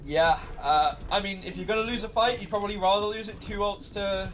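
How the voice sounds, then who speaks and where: Male esports analyst caster, quick conversational delivery, slightly high voice, clear background noise. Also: fairly even intonation, a bit bright. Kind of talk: live analytical esports commentary.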